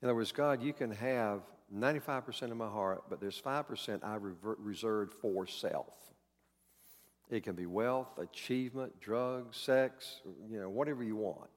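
A man's voice: on the low side, normal speed, long reverb tail. A man preaching a sermon in a conversational way, acting out quoted lines and repeating key words. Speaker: pastor.

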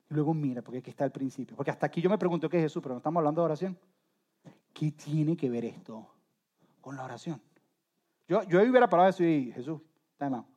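Male preacher, voice a touch high, animated and humorous storyteller. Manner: talks straight to listeners with direct questions. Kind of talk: sermon.

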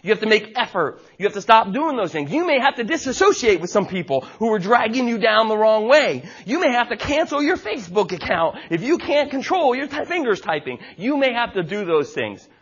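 A man's voice: high-pitched, very animated, fairly quick, hardly any pauses, fairly bright tone, husky, lo-fi sound. A man in his forties preaching a sermon from a church stage, emphatic and folksy with joking asides. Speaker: pastor.

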